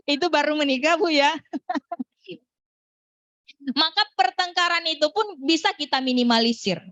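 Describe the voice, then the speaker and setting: A woman from North Sumatra leading a lively public speaking workshop for a women's group, asking questions and demonstrating intonation. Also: sits high, highs cut off. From North Sumatra, Batak.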